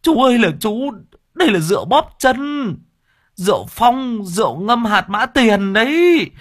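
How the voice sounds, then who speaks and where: A man doing a frantic yelling village youth. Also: sits high, sing-song, moderate pace, slightly rough, no echo, studio quality, voice pushed up, heavily acted. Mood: alarmed. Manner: shouting urgent warnings. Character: panicked young village man.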